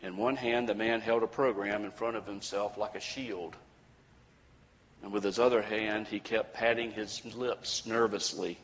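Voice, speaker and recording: A male preacher telling a sermon story in a measured way, with dramatic pauses. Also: on the low side, fairly even intonation, a bit bright. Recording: dull lo-fi recording with long hall reverb.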